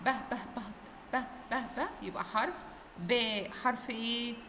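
A woman's voice: a little high, normal speed, bright, forceful tone, in a large hall, a little hiss or hum. A young woman with an Egyptian accent, a kindergarten teacher giving a recorded phonics lesson, stretching out letter sounds and quizzing the class in a sing-song way.

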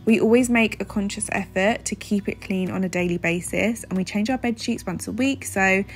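Speaking at a medium pitch and a moderate pace, this young lifestyle vlogger keeps up an upbeat, casual chat to camera, saying "like" and "um" a lot. She's indoors in a bright kitchen and bedroom, with the phone held at arm's length.

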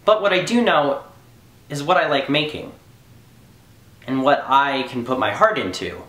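A man in his twenties delivering an expressive, theatrical monologue to camera as a YouTuber in his bedroom. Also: medium pitch, a little slow, echoey room. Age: 20s. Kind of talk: direct-to-camera vlog monologue with impressions. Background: music.

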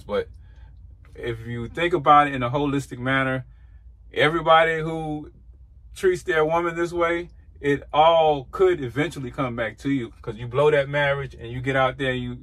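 A man's voice: medium pitch, normal speed, a bit bright. A man in his forties, a trucker, giving rambling, earnest thoughts from his truck cab into a dashboard camera. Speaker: trucker vlogger. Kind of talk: casual reflective talk.

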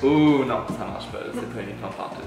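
A man's voice: fairly low pitch, fairly quick, vocal fry. A young man with a Quebec French accent hosting a casual cooking challenge in a playfully bossy way. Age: young adult. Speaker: host. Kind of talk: casual cooking challenge, reading recipe steps aloud. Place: home kitchen, indoors. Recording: echoey room with music. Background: music.

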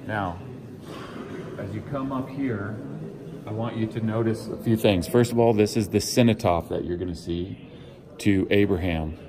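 Middle-aged male guide, low voice, headset mic, noisy stone hall. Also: moderate pace. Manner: relaxed, explanatory, pointing things out. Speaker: tour guide. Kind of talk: guided tour explanation. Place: inside a large stone mosque. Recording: loud background noise.

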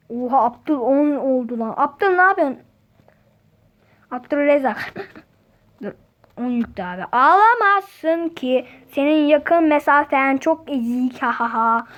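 Brief: high-pitched woman, excitable mobile game commentary, slangy and repetitive. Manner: excitable, slangy, repeats words in chants. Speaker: gaming channel host.

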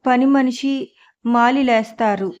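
A woman reading a story, voicing a calm, firm young woman who pleads steadily. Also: fairly high pitch, takes it slowly. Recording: dull lo-fi audio.

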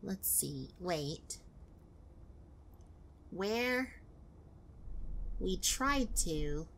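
A woman's voice: lowish voice, expressive, very slow, a bit bright, a little hiss or hum. A woman streamer commenting on a horror game and thinking aloud as she plays.

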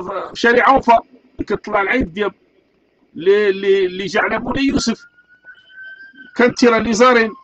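Fiery, fast-talking Moroccan man ranting. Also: very high-pitched, fairly bright tone, muffled recording, a little hiss or hum. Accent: Moroccan Arabic. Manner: angry, repetitive, rhetorical questions. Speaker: street artist speaking out. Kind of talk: impassioned rant.

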